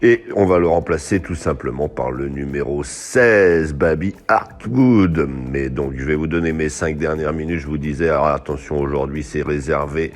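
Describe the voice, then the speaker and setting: A man giving horse racing tips in a chatty live show, reading out viewer messages and stretching out horse names. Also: a bass voice. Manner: chatty, animated outbursts, drawn-out horse names.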